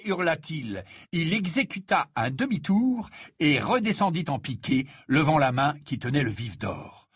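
A man narrating an audiobook and voicing the characters in an expressive way. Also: unhurried, breathy edge, no echo, clean studio sound. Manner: expressive, raises pitch for dialogue.

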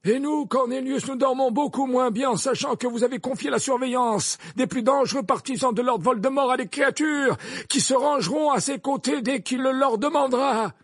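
A man reading an audiobook, voicing an old male wizard headmaster who speaks gravely and insistently. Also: very high-pitched, normal speed, dry recording, studio quality, pitched above the performer's own voice. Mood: stern. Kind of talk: audiobook character voice.

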